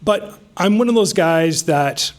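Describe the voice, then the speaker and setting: A man in his fifties, speaking from the top of his head to a room of listeners. His voice sits a touch higher than most men's, and he talks earnestly and plainly, with plenty of ums and small restarts. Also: expressive, takes it slowly. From Vancouver, Canada. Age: 50s. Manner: off-the-cuff, earnest, frequent ums. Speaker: city council candidate. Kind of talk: unscripted campaign speech. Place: meeting room with an audience.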